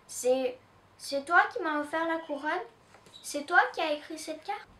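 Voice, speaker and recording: A sulky, quick-tempered little princess girl, read by a woman from a storybook. The voice is high and bright. It is recorded in an echoey room from a distance. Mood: small. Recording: roomy echo, distant mic.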